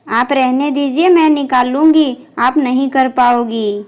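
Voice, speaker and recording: A busy young mother , voiced by a woman, scolds firmly yet kindly in a doll storybook. The voice is high and paced slowly. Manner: firm, chiding but caring.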